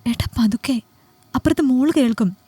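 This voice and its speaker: A woman's voice: sits high, moderate pace, warm tone, slightly rough, dry recording, voice pushed up. A woman voicing a hurt young housewife who pleads with her husband and broods over his coldness in an audiobook story. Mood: pleading.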